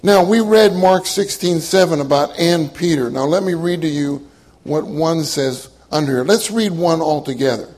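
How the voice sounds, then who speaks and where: A man's voice: a little high, normal speed, darkish tone, low-quality recording. A man preaching a sermon to a congregation, earnest and emphatic, often repeating key phrases for weight. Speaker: minister.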